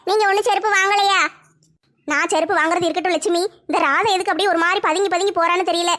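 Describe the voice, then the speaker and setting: Woman, very high voice, bright tone, bickering village comedy skit, dramatic wailing. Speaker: skit performer voicing village women.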